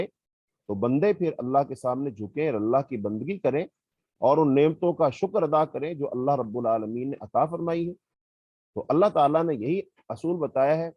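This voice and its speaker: A man with a Pakistani Urdu accent, teaching a religious lesson in a measured, explanatory way and reciting Arabic verses. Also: a little high, no room sound, highs cut off. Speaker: hadith teacher. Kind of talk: religious lecture.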